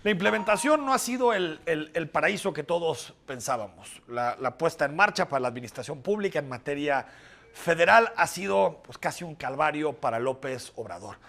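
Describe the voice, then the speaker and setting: A man delivering scripted news commentary, explaining and listing points briskly. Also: fairly high pitch, lively intonation, gravelly, a bit bright.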